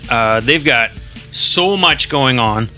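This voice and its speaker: A man co-hosting a laid-back podcast, his voice very bright and cutting. He talks loosely, full of fillers and swearing, joking with his friends. Faint music sits under the talk. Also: medium pitch, lively intonation, slow. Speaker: podcast co-host. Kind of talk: casual chat.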